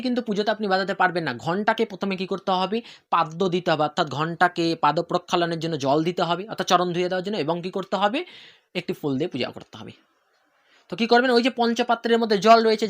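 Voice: mid-range voice, a bit bright. A devotional teacher explaining a worship ritual step by step, posing rhetorical questions and answering them, often repeating key points. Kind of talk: instructional talk on worship ritual.

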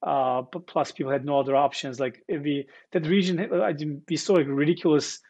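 A man's voice: a little high, fairly even intonation, brisk, darkish tone. A man, a guest telling his story earnestly over a video call, often repeating words as he searches. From Turkey. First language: Turkish. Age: 40s. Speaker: guest founder. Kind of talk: casual interview storytelling. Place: living room with armchairs, indoors. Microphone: earbuds on video call.

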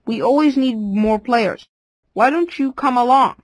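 A woman voicing a friendly schoolgirl in a scripted textbook listening dialogue, reading clearly and carefully. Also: a little high, takes it slowly, dry recording.

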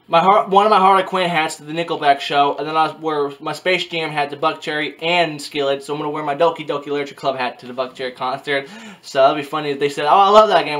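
Talking straight to the webcam from a small bedroom, this early-20s man makes a casual talking-head vlog full of restarts and recurring fillers. His voice is a little high with a fairly bright tone.

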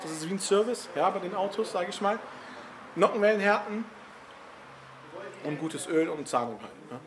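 A man chatting casually about a classic car in his garage vlog, laughing often and tagging sentences with quick questions. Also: high voice, a little hiss or hum. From Italian family background. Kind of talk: casual chat.

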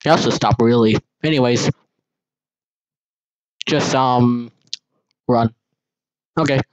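A muffled, echo-free recording captures a man at medium pitch, speaking slowly as he casually dubs an animation for fun. His delivery wanders, full of half-hearted jokes and mock panic.

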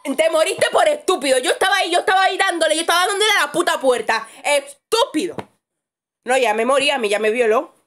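A woman's voice: high voice, fast, fairly bright tone. A woman casually commentating a horror game, swearing a lot, muttering under her breath and screaming when startled. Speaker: gamer streamer.

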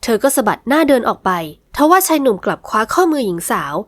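A woman narrating a romance novel in smooth, scripted storytelling. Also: sits high, very animated, fast, no room sound. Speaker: audiobook narrator.

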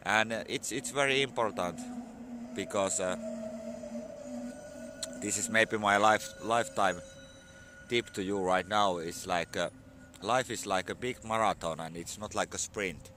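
A Finnish man in his forties, a bit hoarse from a cold, vlogs casually outdoors on a sunny spring morning, holding his phone at arm's length. His English is halting and full of fillers. His voice sits on the low side and sounds pushed and bright, with slight background noise.

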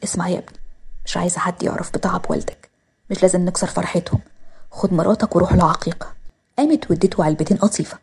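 A woman's voice: on the low side, fairly even intonation, rapid-fire, creaky, darkish tone, slightly rough, full character voice. A woman doing a worried pleading mother. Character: worried older mother shielding her family.

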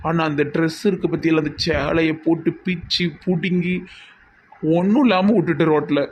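A battered, grumbling young husband played by a man complains in a Tirunelveli accent. His voice is slightly high, on a dull, lo-fi recording with faint hiss. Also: fairly even intonation, moderate pace, lightly acted. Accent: Tirunelveli Tamil. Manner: complaining, sheepish.

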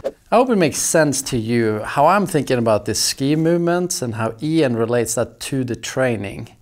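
A young man hosting, asking relaxed questions in an indoor gym. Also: medium pitch, normal speed. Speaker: host. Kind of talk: casual interview questions.

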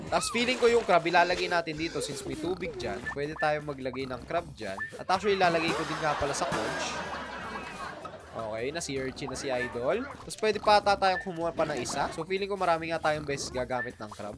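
A man with a high voice gives let's play commentary over clearly audible game music. He talks himself through each step and breaks into sudden excited yelps. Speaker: gaming channel host.

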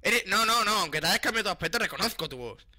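Un hombre con acento de España que juega en directo, charlando de forma excitable, suplicante y bromista. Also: male voice, high-pitched, quick pace, no room sound, studio quality. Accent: Spain Spanish. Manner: excitable, pleading, joking. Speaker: gaming streamer. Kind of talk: live gameplay chat.

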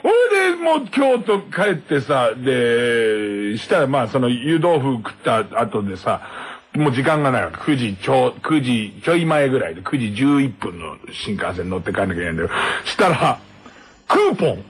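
A man's voice: mid-range voice, big pitch swings, moderate pace, breathy edge. A man hosting a late-night radio show, telling a rambling, self-mocking comic story and laughing at his own jokes into a studio microphone.

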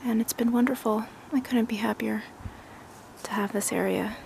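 A woman giving a casual walking tour of her backyard garden, relaxed and admiring, thinking aloud with some fillers. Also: a little high, moderate pace, gravelly, noisy background.

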